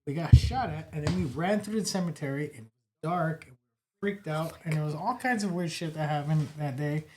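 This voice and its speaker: A man's voice: a little high, fairly quick. A middle-aged man from Texas telling stories as a podcast co-host, laid-back and swearing freely. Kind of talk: casual chat, storytelling.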